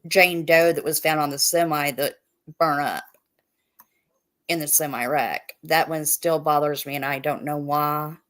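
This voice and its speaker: Low-voiced Midwestern woman co-host. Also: steady tone, measured pace, fairly bright tone. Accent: Midwestern American. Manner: reads out research notes, spells words letter by letter. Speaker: podcast co-host. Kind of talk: casual chat.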